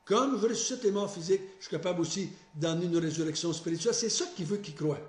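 A man preaches in a high, bright voice. He reads scripture at a measured pace and climbs in pitch when he stresses a point, earnest throughout. The sound carries an echo from the church hall. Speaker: pastor. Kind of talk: sermon with Bible reading.

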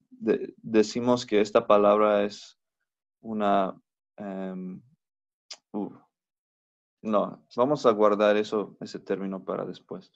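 Very slow-speaking man teaching a lesson. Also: lowish voice, muffled recording. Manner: slow, patient, repeats words for pronunciation. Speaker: biblical Hebrew teacher. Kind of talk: recorded language lesson.

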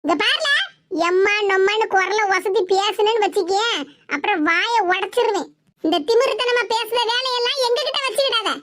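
A performer voicing a sharp-tongued middle-aged mother in an animated comedy, with a Tirunelveli Tamil accent and a nagging, scolding manner. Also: very high-pitched. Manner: nagging, scolding, rapid complaints. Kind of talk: animated comedy sketch voice acting. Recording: loud background hiss.

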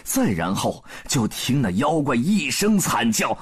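A man telling a story, animated and swinging from hushed to loud. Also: medium pitch, unhurried, breathy edge. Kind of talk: dramatic storytelling.

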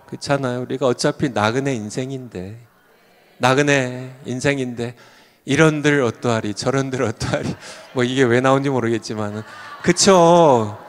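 An older male pastor preaches a revival sermon, swinging from ringing shouts down to low, hushed lines with a chuckle here and there. His voice sits fairly high for a man. The sound carries the long reverb of a large hall.

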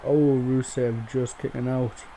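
A man's voice: medium pitch, little pitch movement, a little slow, creaky, warm tone. Man doing gaming play-by-play. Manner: swears freely, rambling with fillers. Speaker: gaming YouTuber. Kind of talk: mock play-by-play game commentary.

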